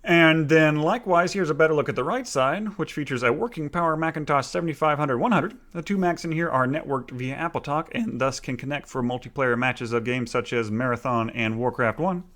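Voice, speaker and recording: A man's voice: on the high side, fairly quick, few pauses, a bit bright. A man narrating a casual guided video tour as the guide of his own room.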